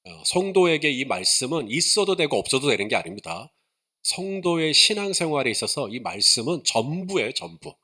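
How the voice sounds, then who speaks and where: A man's voice: a little high, big pitch swings, normal speed, sharp tone. A man preaching a sermon to his congregation, chatting and asking questions, then building to emphatic points. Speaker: pastor.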